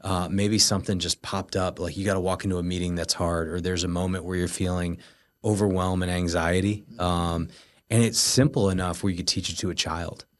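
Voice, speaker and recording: A man's voice: low-pitched, level tone, a little fast. A middle-aged man teaching in a casual, conversational way, with informal, loosely phrased talk. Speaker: host of a prayer teaching series.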